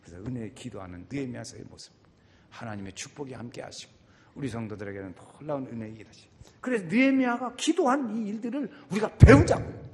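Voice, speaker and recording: A man preaching a sermon as pastor, leading the congregation in shouted prayers and talking in an animated, energetic way. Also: medium pitch, fast talker. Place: church sanctuary. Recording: long hall reverb.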